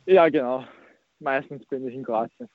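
In a mid-range voice at normal speed, a teenage Austrian tennis player, nineteen years old, haltingly responds to interview questions, with filler words coming up again and again. The audio has no echo and sounds tinny, like a phone line.

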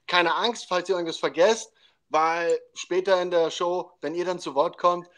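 A man hosts his football talk show in an upbeat, slangy way, tossing in English phrases. His voice sits fairly high for a man. He talks casually and keeps the energy up. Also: fairly even intonation, moderate pace, fairly bright tone. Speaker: podcast host. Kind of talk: casual chat.

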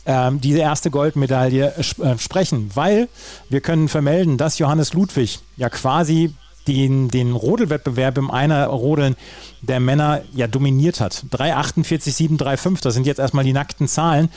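A man's voice: mid-range voice, moderate pace, a little mellow. A man hosting a sports podcast, talking through results in fluent German with occasional fillers and restarts. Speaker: podcast host.

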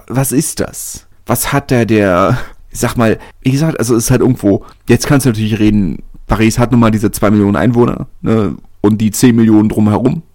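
A man with a slightly low voice hosts a podcast in easygoing spoken commentary. He thinks aloud, circling back and restarting phrases as he goes. The sound is dry and close, with no room echo. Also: a little mellow. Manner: chatty, thinks aloud, often restarts sentences. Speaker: podcast host.

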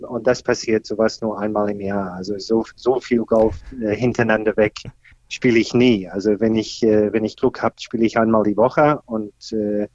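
An Australian man in his fifties, a golf teacher and senior champion, is a guest on a podcast interview. He talks hesitantly, with lots of fillers and pauses, in a somewhat low, slightly mellow voice. The recording is dry and the audio sounds dull.

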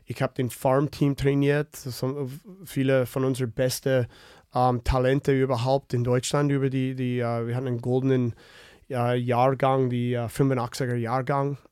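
A man's voice: medium pitch, flat delivery, normal speed, a little mellow, clear, resonant tone, no echo, clean studio sound. A man in his fifties from Canada, speaking with a Canadian English accent and many fillers and restarts as a podcast guest. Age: 50s. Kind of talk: casual interview chat.

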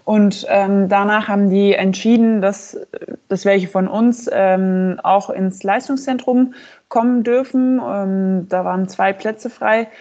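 A woman in her twenties from Belgium, a handball player answering interview questions in a relaxed, hesitant way with many fillers. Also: mid-range voice, takes it slowly. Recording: slightly muffled recording.

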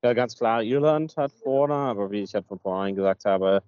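A man co-hosting a casual podcast chat, rambling with many fillers, heard through a low-quality recording. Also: brisk, clear, resonant tone, dry recording. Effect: low-quality, muffled recording. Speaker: podcast co-host. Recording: dry muffled lo-fi recording.

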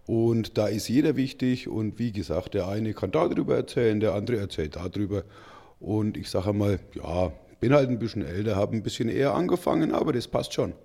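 A middle-aged German man co-hosting a casual podcast, talking in loose, rambling runs full of little fillers. His voice is gravelly and dark, with a mellow, low-key tone. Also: lively intonation, fairly quick. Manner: rambling, chatty, says "ich sag mal" a lot. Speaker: podcast co-host. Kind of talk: casual chat.

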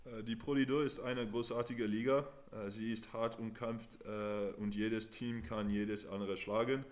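Hesitant low-voiced man from the Netherlands. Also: steady tone, a little slow. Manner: careful, hesitant, frequent fillers. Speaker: podcast guest, rugby player. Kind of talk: interview answers.

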